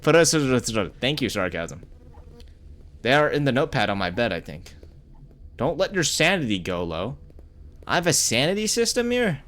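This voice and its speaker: Streamer guy, animated sing-song voice, curses, greets chat while gaming. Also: medium pitch, measured pace, pauses often. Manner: chatty, cursing, greets chat between reactions. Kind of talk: live game stream commentary.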